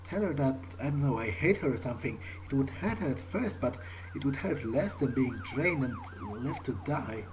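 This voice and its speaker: Here a man with a medium-pitched voice swings hugely in pitch while keeping a normal speed and pausing little. He is a let's player role-playing a brooding, guilt-ridden young male vampire, improvising hesitantly and repeating himself. Video game ambience plays amid a noisy background.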